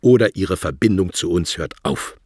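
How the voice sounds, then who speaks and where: A man voicing a scornful, threatening embassy secretary with a guttural, rasping snarl. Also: sits low, sing-song, unhurried, dry recording, clean studio sound, pitched above the performer's own voice, heavily acted. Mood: dismissive. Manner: mocking, threatening, condescending. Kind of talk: audiobook character voice.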